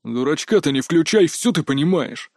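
A surly armed guard growls out blunt threats in rough street slang, as an audiobook reader puts him on. The delivery is hard and dismissive, recorded close and dry. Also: male voice, fairly high pitch, expressive, normal speed, a little mellow, no echo. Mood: menacing. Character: hostile tough male armed guard, gruff. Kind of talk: audiobook character voice.

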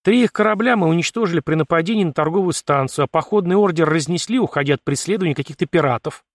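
A man's voice: fairly high pitch, fast, no room sound, studio quality, voice pushed up, natural voice. A man voicing a blunt, brash young male ship captain in an audiobook, with curt, scornful, commanding speech. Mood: defiant.

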